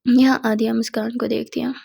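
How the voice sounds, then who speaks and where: A woman narrating a romantic story, partly in a soft, half-whispered way. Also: a little high, little pitch movement, a little fast, gravelly, slightly rough. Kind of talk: dramatized storytelling.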